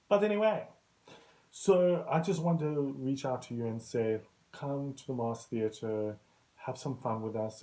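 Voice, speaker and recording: A man's voice: on the low side, dark tone, rough recording. A man hosting a casual show, telling rambling backstage stories in a chatty way and often laughing at himself. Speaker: host. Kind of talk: casual anecdotal monologue.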